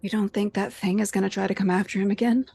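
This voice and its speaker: Gravelly woman puzzling through a game. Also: medium pitch, steady tone, quick pace, mellow. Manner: analytical, questioning. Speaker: player in a tabletop game. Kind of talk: casual in-game discussion.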